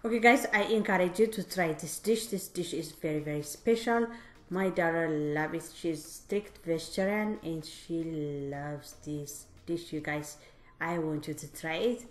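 Her voice sits low and unhurried as she, a native Tigrinya speaker, explains a recipe in her kitchen, talking straight to viewers in a chatty way. The camera mic captures her off-screen, with kitchen echo and faint music behind.

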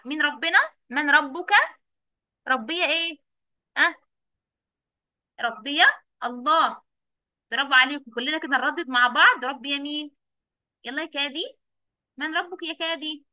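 In a video-call class for young kids, a young woman with an Egyptian accent repeats questions and heaps praise on each answer to coax the children. Her voice is high-pitched, bright and forceful, captured in a dry recording.

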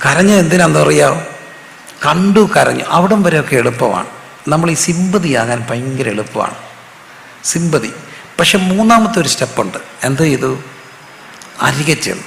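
Man, pastor, sermon, call-and-response, gravelly, echoey church hall. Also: fairly high pitch, fairly bright tone, slight background noise. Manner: call-and-response preaching, asks the audience to repeat answers; storytelling with humor. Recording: echoey hall with faint ambience.

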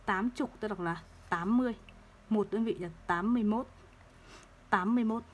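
A woman teaching third-grade math, explaining place values slowly and patiently and repeating each number. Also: mid-range voice, husky. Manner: slow, patient, repeats numbers to drill them.

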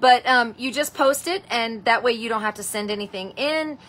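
A woman's voice: fairly high pitch, normal speed, a bit bright, slight background noise. A woman hosting a live stamping tutorial, chatting with viewers, greeting them by name and calling them honey and sweetheart. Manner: rambling, with many ums and restarts. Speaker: host of a live craft stamping show.

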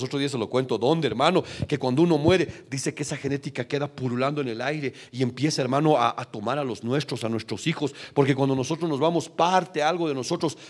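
A man preaching a sermon as pastor in a church, telling a family story with lively back-and-forth voices and calling his listeners brother. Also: medium pitch. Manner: animated storytelling, often calling the congregation brother.

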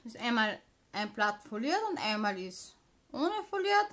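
High-pitched woman, casual vlogger. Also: very animated, measured pace, fairly bright tone. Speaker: craft haul vlogger. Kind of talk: casual vlogger chat, showing purchases.

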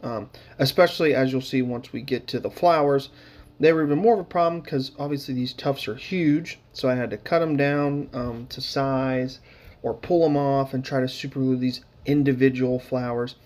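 A man's voice: medium pitch, steady tone, moderate pace, a little mellow. A man casually narrating his hobby painting footage, rambling with lots of fillers and dry, sarcastic humor.

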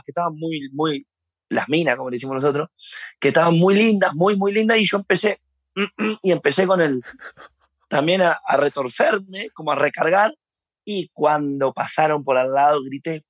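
A husky Uruguayan man with a fairly high voice recounts his stories in a casual interview. He is animated, laughs often and acts out his shouts, and the recording is dry and close. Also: a little fast, no echo. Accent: Uruguayan Spanish. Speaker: interview guest.

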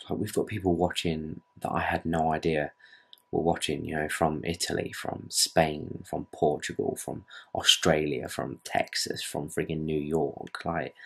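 Creaky and slightly rough, his bass voice carries a British English accent. He's a young fitness vlogger in his twenties, rambling earnestly to camera at night in his bedroom, with plenty of casual swearing.

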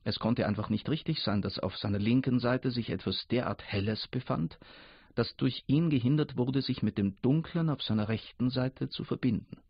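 Husky man reading a fable. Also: medium pitch, dry recording. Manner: measured storytelling. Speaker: narrator, actor reading a story. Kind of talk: scripted radio narration. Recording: dull lo-fi radio recording.

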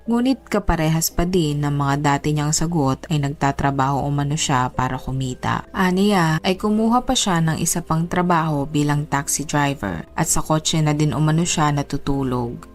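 Low-voiced woman narrating a crime story. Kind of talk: scripted true-crime narration. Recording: faint music underneath.

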